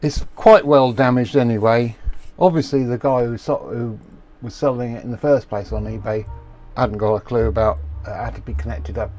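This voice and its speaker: A man's voice: mid-range voice, steady tone, normal speed, hardly any pauses, darkish tone, faint music behind. A man hosting a repair video, chatting casually as he works at the bench and laughing at his own mistakes. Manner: chatty, self-mocking, laughs at himself. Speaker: electronics repair video host. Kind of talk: casual workbench narration.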